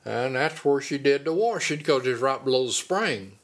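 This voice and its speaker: Speaking at a moderate pace in an expressive mid-range voice, an older Appalachian man reminisces about growing up. It's a relaxed oral-history interview, and his talk is full of homespun country expressions.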